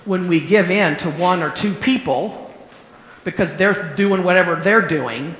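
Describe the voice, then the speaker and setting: A man preaching a sermon as pastor, telling stories with animated swings from loud exclamations to hushed, near-whispered lines. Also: on the high side. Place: church sanctuary. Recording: echoey hall with long reverb and faint background noise.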